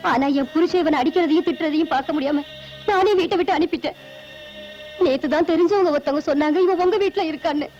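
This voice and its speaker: A woman doing a high-voiced heartbroken mom, pleading and weepy, dull muffled film audio with loud music behind. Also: fast, lightly acted. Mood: sorrowful. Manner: pleading, anguished. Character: poor loving mother, tearful and protective. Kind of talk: dubbed film acting.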